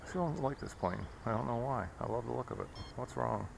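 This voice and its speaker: Captured on a noisy outdoor action camera, a man talks casually and bluntly while flying hobby planes in an open field, cracking wry, sweary jokes. His creaky mid-range voice moves fairly quickly.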